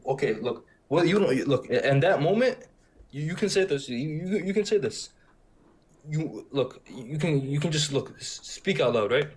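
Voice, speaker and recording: Calling in to a casual debate, a young man with a slight Arabic accent, born in Syria and raised in the Detroit area, rambles and repeats himself insistently. His voice is fairly high, with lively intonation and a moderate pace, and there's slight background noise.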